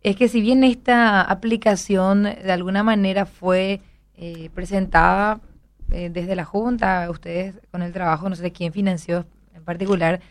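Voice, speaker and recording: A woman's voice: mid-range voice, fairly even intonation, a little slow. A woman interviewing a guest, chatty and agreeing, adding her own points. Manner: conversational, agreeing, adds follow-up points. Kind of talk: radio interview.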